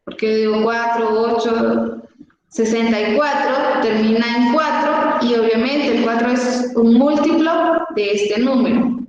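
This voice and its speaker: A high-voiced woman teacher walks through her examples at an unhurried pace. Her voice comes through a low-quality video call stream that sounds dull and muffled. It rings with a big echo, and a faint hiss sits underneath. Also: darkish tone. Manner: slow, patient, counting out examples step by step. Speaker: math teacher. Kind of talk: online math lesson. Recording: dull, echoey, noisy video call audio.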